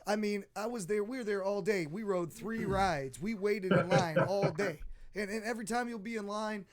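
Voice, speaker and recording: A man's voice: high-pitched, normal speed, a loud crowd. A man from Michigan co-hosting a livestream chat, telling stories with animation and laughing as he talks. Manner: animated storyteller, laughing mid-sentence. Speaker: co-host.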